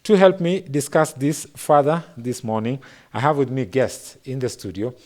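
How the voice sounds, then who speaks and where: Man, Kenyan English accent, TV host, studio talk show, measured delivery. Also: mid-range voice, a little mellow. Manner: measured, searching phrasing with fillers.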